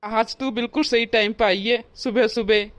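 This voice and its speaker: A woman voicing a teasing, short-tempered grown brother in a cartoon, in a fairly high voice. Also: fairly even intonation, normal speed, lightly acted. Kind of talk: cartoon voice acting.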